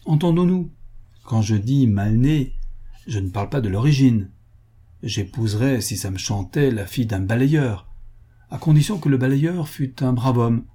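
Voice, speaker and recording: A man's voice: mid-range voice, normal speed, warm tone, slightly rough, lightly acted. A man reading an audiobook voices an impertinent young aristocratic duke with a whistling hiss in his speech. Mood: insistent.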